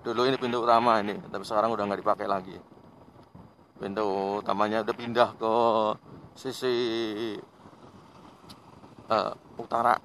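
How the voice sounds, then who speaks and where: On a motorbike out on rural roads, an Indonesian vlogger gives casual commentary to viewers he treats as friends, relaxed and frequently laughing. His voice sits on the low side at a normal speed, broken by frequent pauses, with a bit of hiss or hum behind it.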